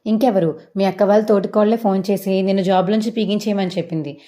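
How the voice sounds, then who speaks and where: A woman voicing a stern male hospital owner who scolds his staff in brisk questions. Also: mid-range voice, fairly even intonation, warm tone, lightly acted.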